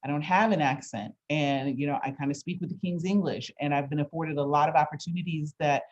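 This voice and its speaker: A woman interviewer talking conversationally, explaining her thoughts in a deliberate, halting, reflective way. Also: low-pitched, steady tone, highs cut off, slight background noise.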